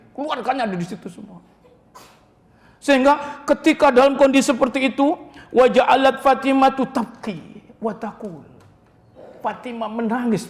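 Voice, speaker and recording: A man preaching a mosque sermon, telling stories with chuckles and asides. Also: very high-pitched. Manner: storytelling with Javanese asides and chuckles. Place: mosque hall. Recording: reverberant mosque hall.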